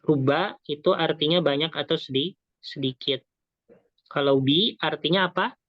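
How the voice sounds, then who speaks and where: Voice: medium pitch, moderate pace, no room sound, highs cut off. A language teacher giving a beginner lesson, patiently repeating words and quizzing the class, often breaking words off mid-syllable before finishing them. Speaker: Arabic teacher.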